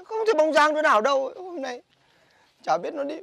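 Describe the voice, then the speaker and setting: A man acting in a comedy sketch, talking in a brash, shouty comic way. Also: extremely high pitch, expressive, quick pace, creaky.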